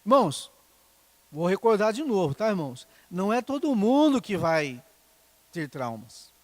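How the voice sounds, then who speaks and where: A middle-aged man delivers a sermon in a high, light voice. His tone is conversational, often turning to the congregation with short questions. The sound is dry and close, with no room echo. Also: big pitch swings, a little slow. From Brazil. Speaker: pastor.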